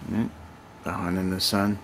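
A man's voice: low voice, little pitch movement, normal speed. An older man in a cluttered basement, chatting casually as he lists one item after another, recorded on a handheld camera mic. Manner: rambling, chatty, listing items one by one. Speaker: collector showing his hoard. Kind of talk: casual unboxing vlog. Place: cluttered basement storage room. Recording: noisy home camera audio.

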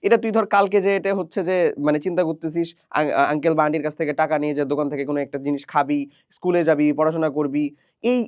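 A young male tutor gives a quick, informal lesson, firing off advice at speed and often stopping to quiz his listeners. His voice sits a little high. The sound is close and dry, with almost no room. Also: a little mellow, no echo. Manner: chatty, talks straight to students, mixes in English phrases; explains and asks the listener questions. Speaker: teacher. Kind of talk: casual study-tips lesson.

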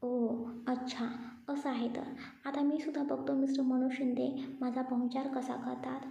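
A woman's voice: high-pitched, flat delivery, normal speed, creaky, mellow, a little hiss or hum. A woman voicing a cocky, bossy young man who likes to tease, in a story. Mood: businesslike. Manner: mocking, bossy. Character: cocky teasing young man, a rich boss. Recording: dull echoey room.

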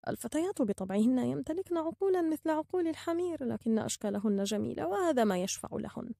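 Woman voicing a timid old sage, male, hushed, fearful, teasing, storybook. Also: high voice, lively intonation, fast talker, vocal fry, no room sound, clean studio sound, exaggerated voice. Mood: mocking.

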